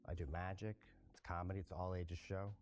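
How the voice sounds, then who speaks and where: A man's voice: low voice, level tone, fairly quick, a little mellow, a little hiss or hum. A man who does magic and comedy, chatting as a guest in an easygoing way, often thinking aloud. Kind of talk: casual chat.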